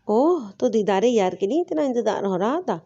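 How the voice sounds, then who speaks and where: A woman's voice: a little high, animated, warm tone, lo-fi sound, lightly acted. A woman voicing a mischievous young woman teasing her friend. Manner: playful.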